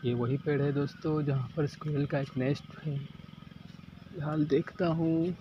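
A man's voice: a little high, fairly even intonation, a little slow, muffled recording. A young man casually narrating a village vlog outdoors, chatting to his viewers as friends while filming on a phone. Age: young adult. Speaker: village vlogger. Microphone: phone camera held while walking. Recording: loud outdoor noise, phone mic. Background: chickens and birds outdoors.

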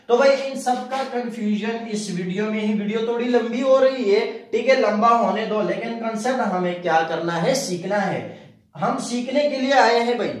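High-voiced male teacher in an echoey room. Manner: repeats "theek hai" as a verbal tic, asks the viewer rhetorical questions. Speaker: English teacher. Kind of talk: casual video lesson.

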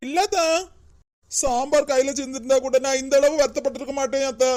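A woman's voice: high voice, fairly even intonation, fairly quick, dark tone, close to an everyday voice. A woman voicing a put-upon young daughter-in-law in a cartoon, pleading and anxious, with a Kanyakumari Tamil accent. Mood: upset pleading. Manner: plaintive, pleading. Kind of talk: cartoon voice acting.

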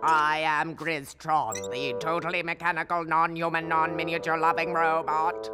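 A woman voicing a scheming woman who hides inside a homemade suit and puts on a flat, clipped robot voice. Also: low voice, normal speed, loud music behind the voice, pitched below the performer's own voice, close to an everyday voice. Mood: stiff, mechanical. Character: villainous woman faking a stiff mechanical robot. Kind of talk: cartoon voice acting.

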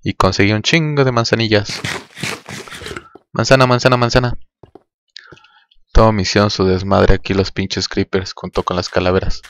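A man's voice: low voice, fairly even intonation, brisk, hardly any pauses, fairly bright tone. A man with a Mexican accent giving casual, profane gameplay commentary, rambling to his viewers and mouthing rhythmic noises as he works. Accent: Mexican Spanish. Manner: hums and mouths rhythmic noises while working. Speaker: gaming channel host.

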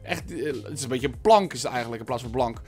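A young man from the Netherlands giving casual commentary over his own football gameplay. He chats to his viewers and breaks into shouts at big moments. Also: medium pitch, fast talker, faint music behind. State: headache. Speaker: gaming video host.

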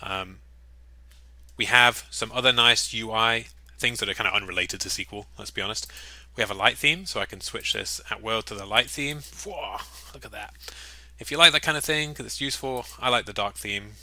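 Chatty man demoing software, bright voice. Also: fairly low pitch, fairly quick, dry recording. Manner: upbeat, chatty, jokey asides. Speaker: software walkthrough presenter. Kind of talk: casual screen-recorded software tutorial.

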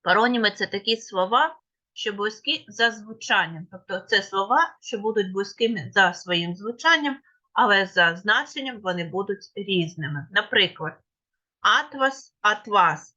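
Woman teacher, bright clear voice, asks and answers her own questions, dull lo-fi sound. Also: medium pitch, expressive, moderate pace. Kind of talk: classroom lesson.

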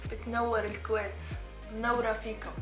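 A woman's voice: on the high side, little pitch movement, brisk. A young woman of sixteen with a Levantine Arabic accent, chatting casually as a vlog co-host. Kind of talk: casual chat. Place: living room couch, indoors. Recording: echoey room with music.

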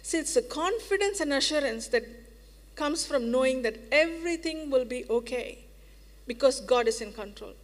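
Woman preacher, high voice, earnest and reassuring, long church reverb. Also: lively intonation, moderate pace. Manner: earnest, reassuring, repeats phrases for emphasis. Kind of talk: sermon. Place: church hall.

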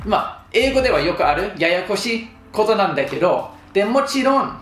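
A man's voice: sits high, very animated, a little fast, a bit bright. A man giving casual pronunciation tips to camera in a chatty, joking, mildly exasperated way. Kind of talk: casual vlog talk to camera. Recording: roomy echo with faint music.

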